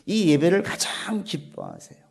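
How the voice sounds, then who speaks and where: Male pastor, sermon delivery, high-pitched, asks and answers his own questions, softens and lowers his voice to stress key lines. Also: huge pitch swings, normal speed, creaky, breathy edge. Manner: asks the congregation questions and answers them himself; drops to a soft, low voice to stress key points. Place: church sanctuary.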